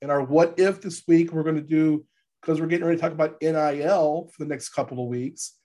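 Stuffy gravelly guy hosting sports podcast, kinda higher voice, congested, casual chat. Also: steady tone, brisk, mellow. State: congested from allergies. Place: podcast studio.

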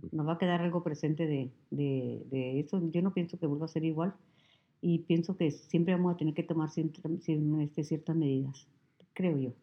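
A woman's voice: deep voice, moderate pace, dull audio. A Mexican woman telling stories in a casual interview, acting out what people said to her. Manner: animated storyteller who acts out quoted dialogue. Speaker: guest. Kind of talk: casual conversation.

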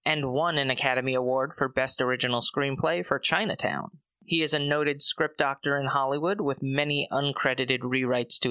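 Bright, chatty male podcast host. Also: mid-range voice, clear, resonant tone, no room sound. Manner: chatty, joking asides. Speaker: podcast host and film reviewer. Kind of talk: scripted podcast monologue.

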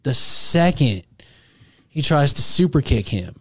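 A man's voice: mid-range voice, very animated, slow pace, husky, no room sound. Opinionated man talking wrestling, close and dry. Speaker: wrestling show panelist. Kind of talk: opinionated casual sports chat.

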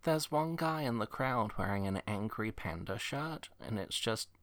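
A man co-hosting a wrestling podcast, telling wry anecdotes and dry asides. He talks slowly and deliberately, and his voice sounds dry and close, with no room echo. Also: lowish voice, animated, a bit bright. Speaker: podcast co-host. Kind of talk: casual chat over a watch-along.

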